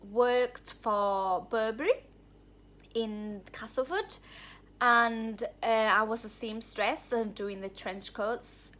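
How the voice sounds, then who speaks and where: In her personal story vlog, a woman from Thailand, a first-language Thai speaker, addresses the camera from a room at home. Her medium-pitched voice sounds pushed and bright while she candidly and sincerely rambles, restarting sentences along the way.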